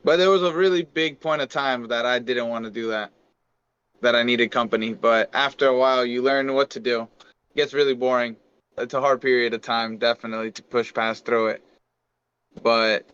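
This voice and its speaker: A man's voice: medium pitch, fairly even intonation, fairly quick, a bit bright, smooth, no echo. A man from Peru, a podcast guest chatting casually, laughing often and searching for words with restarts. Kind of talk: casual chat. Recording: muffled lo-fi dry mic.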